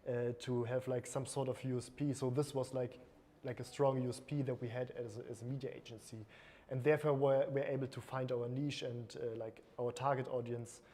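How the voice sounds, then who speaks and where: A man's voice: mid-range voice, flat delivery, a little fast, warm tone. A man who is a creative director and agency co-owner, speaking on a panel in a casual way, full of fillers like "like" and "uh". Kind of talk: panel talk. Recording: long hall reverb.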